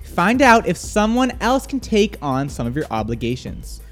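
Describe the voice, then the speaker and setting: Giggly animated radio host. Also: medium pitch, normal speed, soft background music. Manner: giggly, animated, laughs often. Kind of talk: casual morning radio chat.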